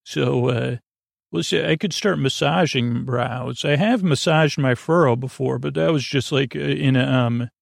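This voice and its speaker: A man whose mid-pitched voice carries heavy vocal fry hosts a rambling sleep podcast monologue. He drifts between tangents, stammering, halting, restarting and cutting himself off, in a dry recording with no echo.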